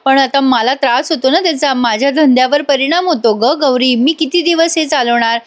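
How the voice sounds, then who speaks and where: A woman's voice: high-pitched, normal speed, close to an everyday voice. A woman voicing a fatherly older male canteen owner who talks in a coaxing, affectionate way.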